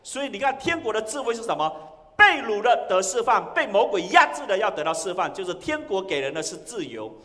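A male pastor preaching a sermon, swinging between loud exclamations and hushed lines. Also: high voice, big pitch swings, a little fast, long reverb tail. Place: church sanctuary.

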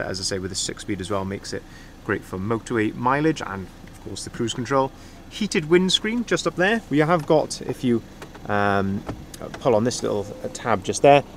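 A man who manages van sales, giving a walk-around tour of a van outdoors at a dealership while filming it by hand. He talks in a relaxed sales patter with plenty of fillers. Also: medium pitch, a little hiss or hum. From Wales. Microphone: camera held by the speaker, filming by hand.

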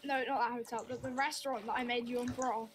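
A high-voiced woman chats playfully with her fellow player during a game stream, teasing and joking as she plays. Her voice is bright and pitched up. The recording is noisy, with keyboard clicking and typing underneath. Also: steady tone, quick pace. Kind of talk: casual gaming chat.

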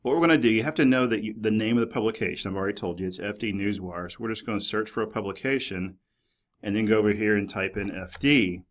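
A university librarian with a low voice gives a quick-paced, casual screencast tutorial from a small indoor office. His explanation is conversational and informal, hedged with "basically" and "kinda."

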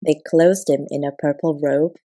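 A woman narrates a scripture audiobook in a steady, measured way. Her voice is low-pitched and mellow, with no sharpness to it.

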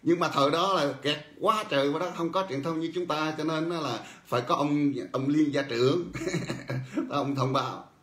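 Male host, animated storyteller, slightly high voice, roomy echo. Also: moderate pace. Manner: animated storytelling, chuckles often. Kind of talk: political commentary monologue.

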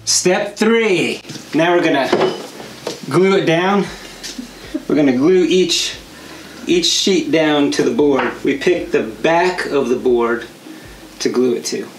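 In a home workshop studio, a man in his thirties co-hosts a DIY show, casually walking through each step of a woodworking project as he works. His fairly high voice moves slowly with long pauses, and the room gives a roomy workshop echo.

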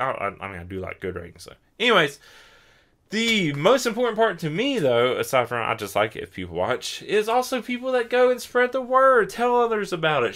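With a bit of drink in him, a young podcast host chats in a wandering, self-mocking way. His voice leans high and has a fairly bright tone.

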